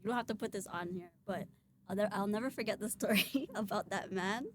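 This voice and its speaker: A woman's voice: medium pitch, fairly quick. Woman chiming in with a story. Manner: storytelling, laughing. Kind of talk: casual chat. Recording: faint background noise.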